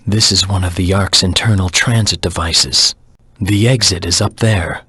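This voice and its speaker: Shadow the Hedgehog, low husky antihero. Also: male voice, steady tone, normal speed, pushed and bright, no echo, heavily acted. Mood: focused, wary. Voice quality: husky, gravelly. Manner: grim, terse, intense brooding delivery. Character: brooding, vengeful male anthropomorphic hedgehog antihero. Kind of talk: dramatic video game character monologue.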